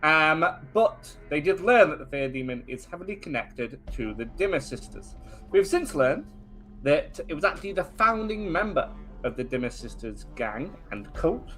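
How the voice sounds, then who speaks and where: A man narrating as game master of a tabletop game, animated and chatty, with asides to his players. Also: on the high side, normal speed, faint music behind.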